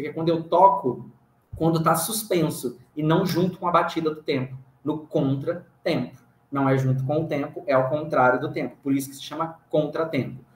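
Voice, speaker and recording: A man with a Brazilian Portuguese accent teaching an online music theory class, patiently explaining and counting rhythm syllables aloud. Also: a little high. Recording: roomy echo, faint hiss.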